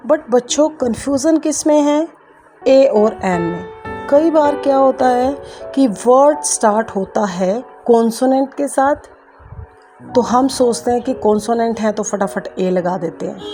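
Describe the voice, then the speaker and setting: A woman with an Indian accent, her voice on the high side and dark in tone, teaches English grammar at a board. She is patient, repeats the key points, and calls her students kids.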